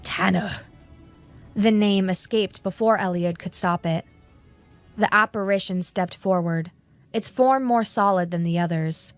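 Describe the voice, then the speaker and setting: A woman telling a fantasy adventure in a measured storyteller's voice, in a mid range. The recording is close and dry, with soft music underneath. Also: medium pitch, clear, resonant tone, no echo. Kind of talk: scripted fantasy narration.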